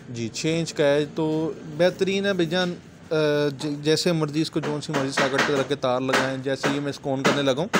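At his shop counter, a middle-aged man with a mid-range voice gives a casual, chatty demo of a welding machine, calling viewers "brother." He keeps repeating "bhaijan" and "theek hai ji," and there's slight background noise.

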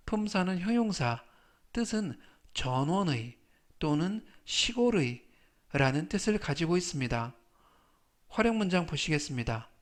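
A man teaching English vocabulary in Korean in a slow, careful lesson, patiently repeating each word three times. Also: fairly high pitch.

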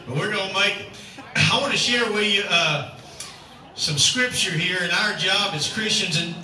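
A cowboy church pastor with a high, bright, forceful voice gives folksy announcements and a sermon at an outdoor rodeo arena at sunset, chatting and calling on the crowd to answer. A camera far across the arena picks him up, so the audio is distant, echoey, and noisy.

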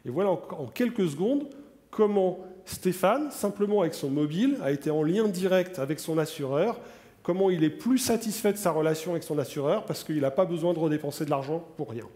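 A man's voice: on the high side, a little fast. A man in his forties giving a keynote product demo on stage, talking straight to the audience with many fillers. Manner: animated, addresses the audience directly, many fillers. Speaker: keynote presenter. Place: large conference hall on stage. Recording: long hall reverb.

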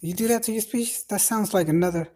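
A man in his thirties from Cambodia, rambling to a phone camera with many pauses and fillers while lying on a bed in a dim bedroom. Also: high-pitched, a little mellow. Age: 30s. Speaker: vlogger. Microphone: phone held at arm's length.

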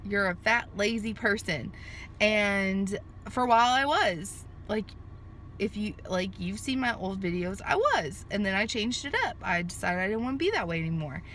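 A vlogger in her thirties, parked in a sunny lot, chats to the camera on a phone she holds at arm's length. She speaks in an animated, fairly bright mid-range voice at normal speed, rambling through many fillers and restarts, and there's a little hiss or hum.

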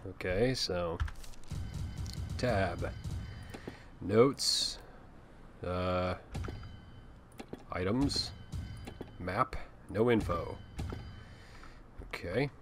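Young male gaming host, deep voice, profane and wisecracking, casual play-along commentary. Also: drawn-out words, pauses often, soft background music. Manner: joking, profane, offhand.

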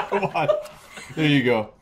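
A man's voice: on the high side, noisy background. A man chatting casually in a group food challenge, joking and swearing loosely. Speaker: bean challenge participant.

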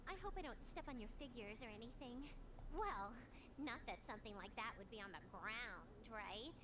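A woman's voice: fairly high pitch, expressive, moderate pace, background noise, close to an everyday voice. A woman voicing a cheeky, scatterbrained young girl in a video game, bubbly and dramatic in a cartoonish way. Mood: puzzled, playful. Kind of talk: video game dub acting.

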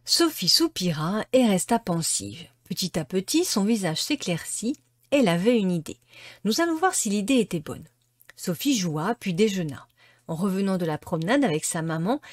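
A woman reading a classic storybook aloud with expressive, lively narration. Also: medium pitch, normal speed, no echo, clean studio sound. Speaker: storybook reader.

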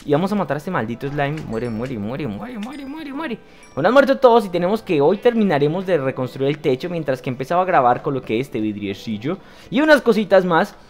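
A young man giving lively, exclamatory commentary while playing a video game, talking straight to his viewers. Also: a little high, fast talker. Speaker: gaming youtuber. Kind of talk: casual let's play commentary.

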